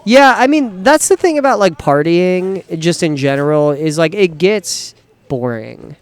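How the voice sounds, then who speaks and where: A man's voice: high-pitched, expressive, measured pace, clean tone. A young man co-hosting a podcast in casual chat, joking and teasing his friend, laughing often. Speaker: podcast co-host.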